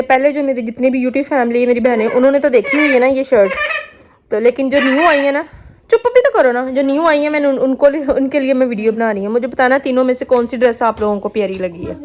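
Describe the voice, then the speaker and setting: A woman's voice: fairly high pitch, background noise. Chatty woman vlogging at home. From Pakistan. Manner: chatty, addresses viewers as sisters, coos to her children. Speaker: family vlogger. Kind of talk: casual home vlog talk to viewers. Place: home kitchen and rooms.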